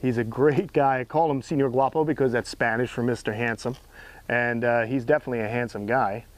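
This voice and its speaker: Out among the animal enclosures, an eager keeper and host leads an educational tour, his tone casual, emphatic and full of admiration. His mid-range voice moves briskly with fairly even intonation, and the recording is dry.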